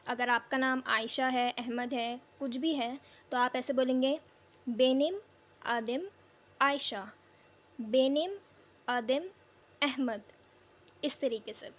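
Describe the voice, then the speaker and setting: A young woman teaching a beginner language lesson, repeating each phrase slowly for pronunciation practice. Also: high voice, steady tone, highs cut off. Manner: slow, repeated pronunciation drills.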